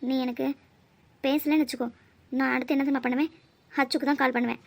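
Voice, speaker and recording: College woman, worried friend, pleading, insistent, high voice, voiced by a woman. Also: steady tone, fast, vocal fry. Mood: coaxing. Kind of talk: cartoon voice acting.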